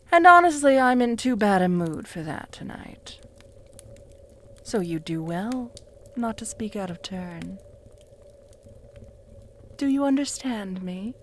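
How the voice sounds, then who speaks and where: A voice actor in an audio roleplay, speaking to the listener, plays a cruel, mocking, possessive and jealous female vampire. Her medium-pitched delivery is slow and purring, often sinking to a whisper, taunting with soft mocking laughs, and the mood is menacing and hungry. A little hiss or hum sits in the recording.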